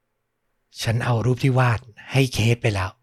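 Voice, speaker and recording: A man voicing a seven-year-old girl in a told horror story, speaking in a slow, sugary child voice that can turn low and icy. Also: expressive, dry recording, clean studio sound. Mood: cold. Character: seven-year-old girl, eerily sweet then cold. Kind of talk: storytelling podcast.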